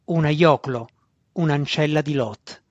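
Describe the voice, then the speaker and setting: A man reading a fantasy novel aloud in a steady, expressive narration, in a dull, dry recording. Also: on the high side, unhurried, no room sound. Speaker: audiobook reader.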